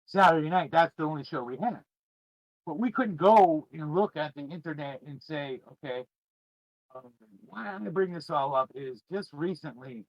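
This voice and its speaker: This middle-aged streamer and podcast host talks casually to his viewers, reminiscing in a rambling, informal, emphatic style. He has a voice on the high side with vocal fry, and the recording is dry and muffled.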